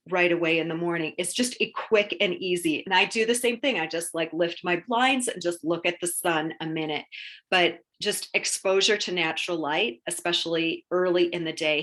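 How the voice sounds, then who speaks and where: A woman's voice: on the low side, a bit bright. A woman presenting sleep and wellness tips in an informal webinar, explaining in a conversational, encouraging way. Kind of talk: informal webinar talk through a list of tips.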